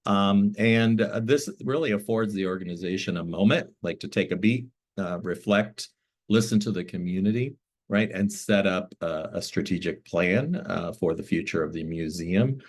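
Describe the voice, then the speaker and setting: Low-voiced middle-aged man explaining. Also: normal speed. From Florida, born in Cuba. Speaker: interim museum director, guest. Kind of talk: community talk interview.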